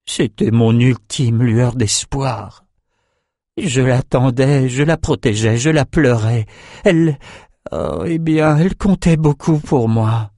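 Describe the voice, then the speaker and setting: A man reading an audiobook, voicing a grieving male fighter who speaks haltingly and with sorrow. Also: medium pitch, a little mellow, dry recording, clean studio sound.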